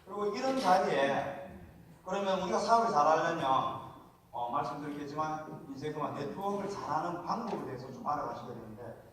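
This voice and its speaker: Animated and fairly quick, a man with a somewhat high, slightly bright voice gives a motivational seminar lecture in a Korean regional dialect. He speaks in a chatty, folksy way and often gets the audience to call back. The large hall echoes, the mic is far off, and there's slight background noise.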